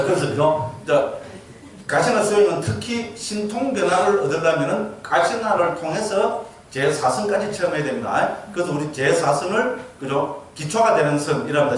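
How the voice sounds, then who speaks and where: A man's voice: on the high side, slight background noise. A man with a Gyeongsang accent, a monk giving a dharma lecture who keeps asking the audience questions and checking they follow. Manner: asks the audience questions, frequent 'geujyo?' checks. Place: temple lecture hall. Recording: echoey hall from far off.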